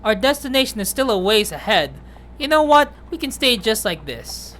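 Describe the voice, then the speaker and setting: A woman's voice: on the high side, very animated, normal speed, a bit bright, slight background noise. A woman voicing a teasing, domineering male shogun in a game read-through, with a smug, gloating manner.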